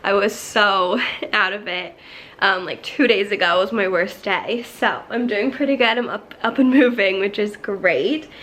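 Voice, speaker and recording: A woman's voice: medium pitch, measured pace, a bit bright. A young woman chatting casually through a tour of her small apartment, sounding a little worn from illness and slightly out of breath, with frequent fillers and light laughs. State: recovering from illness, slightly congested. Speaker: vlogger. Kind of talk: casual home tour vlog.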